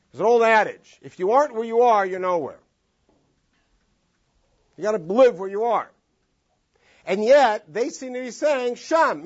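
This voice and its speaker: Guy teaching a class, high voice that jumps all over, kinda muffled recording. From Los Angeles. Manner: animated, sings out phrases in long drawn tones. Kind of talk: classroom text study lecture.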